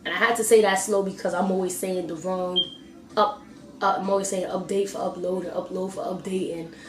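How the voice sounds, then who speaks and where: In a casual vlog, a young woman with a medium-pitched voice recaps movie plots and recommends films, sounding chatty, playful and full of slang. Slight background noise and faint music come through, and the room is echoey.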